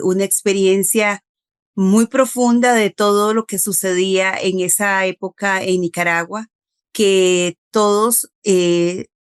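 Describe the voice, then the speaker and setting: A woman hosts an interview at an unhurried pace. She speaks reflectively, drawing out her phrases as she sums up her guest's story. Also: mid-range voice, clean tone. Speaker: interview host. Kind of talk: conversational interview.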